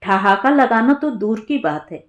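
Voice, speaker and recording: A woman's voice: on the high side, expressive, a little slow, highs cut off. A woman voicing a cheerful, teasing grown man, an old college friend, in a storybook reading. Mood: friendly, teasing. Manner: joking, easygoing. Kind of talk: storybook narration.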